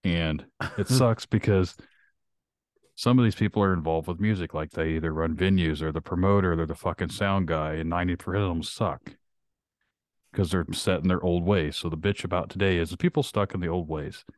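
A deep-voiced man holds forth on a podcast in casual chat, blunt and full of swearing. His voice sits low. The sound is dry and close. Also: a little fast, no echo. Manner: blunt, profane ranting. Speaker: podcast host.

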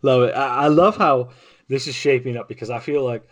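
A man's voice: mid-range voice, brisk, no room sound. A man co-hosts a casual podcast in an easy, rambling way. He restarts his sentences often and leans on fillers. The sound is dry, with no room around it. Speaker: podcast co-host. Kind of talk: casual chat.

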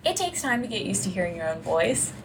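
A woman with a mid-pitched voice chats casually as a podcast co-host. Her talk is slangy and joking, recorded with clearly audible noise behind it. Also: very animated, quick pace. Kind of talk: casual chat. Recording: clearly noisy room recording.

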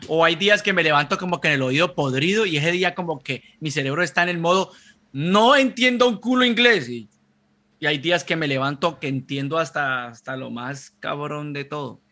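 A man, co-hosting a podcast in casual, slangy chat, telling stories quickly between laughs. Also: on the high side, pushed and bright. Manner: rapid, laughing, slangy storytelling. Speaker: podcast co-host.

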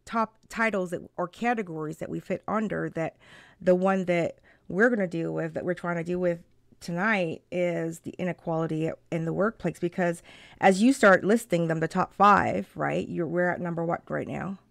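A woman co-hosting a live-stream talk, chatting casually, animated and laughing often, with many restarts. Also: fairly low pitch, moderate pace, gravelly, no room sound, clean studio sound.

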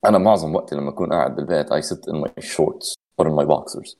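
A low-voiced man with a Lebanese accent and a dark, mellow tone speaks in casual podcast style. He moves freely between Arabic and English as he talks. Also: fast. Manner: mixes Arabic and English mid-sentence.

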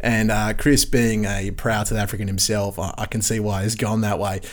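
A man's voice: fairly low pitch, level tone, moderate pace. A man co-hosting a casual sports chat, talking in a laid-back, slangy, matey way. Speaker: sports podcast co-host.

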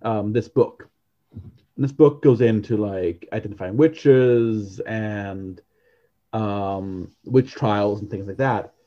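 A man's voice: on the low side, takes it slowly, highs cut off. A man co-hosting a podcast, chatting casually and rambling, with many fillers and restarts. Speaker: podcast co-host. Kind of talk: casual chat.

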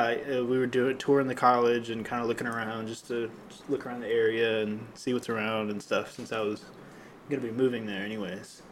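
A young man in casual chat, telling a long story with lots of fillers and restarts, and a slightly rough voice that he often clears. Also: medium pitch, fairly bright tone, a little hiss or hum. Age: young adult. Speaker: podcast co-host.

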